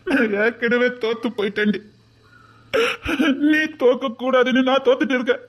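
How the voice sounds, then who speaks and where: A man's voice: extremely high pitch, normal speed, lo-fi sound. An actor with a Tirunelveli Tamil accent playing a heartbroken young man, a loving uncle who sobs and pleads tenderly. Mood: anguished, sobbing. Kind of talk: web series melodrama acting.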